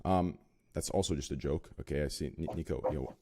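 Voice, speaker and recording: Speaking fairly quickly in a bass voice, a man hosts a casual podcast, with background noise audible. His guest introductions wander into self-conscious jokes and are crowded with filler words.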